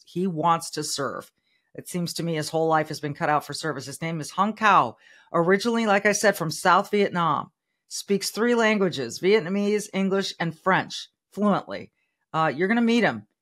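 A woman's voice: fairly low pitch, a bit bright. A middle-aged woman hosting an interview podcast, introducing her guest in an upbeat, conversational way from a home office studio mic. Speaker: podcast host. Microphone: studio microphone on arm.

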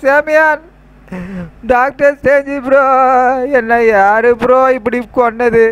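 A man voicing a confused, dramatic young man in a game story who keeps questioning himself out loud. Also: very high-pitched, slow, smooth, no room sound, pitched above the performer's own voice. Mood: alarmed. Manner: puzzled, self-questioning rambling.

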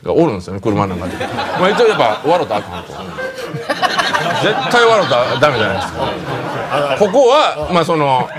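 A man's voice: on the high side, fast talker, a loud crowd. A man with a Kansai accent telling a comic story on a talk show. He keeps laughing as he talks and acts out the scenes. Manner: animated, laughing through his own anecdote.

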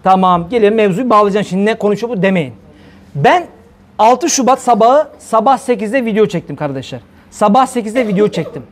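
A man's voice: high voice, lively intonation, brisk, a little hiss or hum. A male preacher giving a heated religious talk, firing rhetorical questions at his listeners. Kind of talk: fiery religious talk to viewers.

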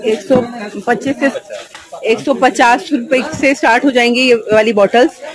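A chatty woman with a high voice films herself strolling through a crowded outdoor street market on a handheld phone. She keeps asking sellers for prices and repeats them to her viewers in a casual, friendly vlog manner. Heavy crowd chatter surrounds her. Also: steady tone, moderate pace. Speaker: market vlogger. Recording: loud crowd noise outdoors.

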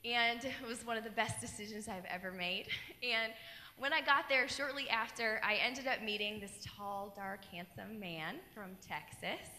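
A woman's voice: a little high, normal speed. Earnest young woman telling her story on stage. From Colorado. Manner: earnest storytelling, animated gestures. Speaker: keynote speaker. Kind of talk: personal testimony talk. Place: large dark stage in an auditorium. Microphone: handheld mic. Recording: long hall reverb.

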